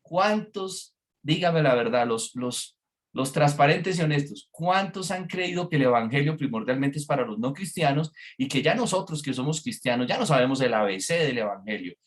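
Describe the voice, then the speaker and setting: A man's voice: fairly high pitch, lively intonation, normal speed. A man preaching a sermon to a congregation, engaging them with frequent questions. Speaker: pastor. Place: church before a congregation.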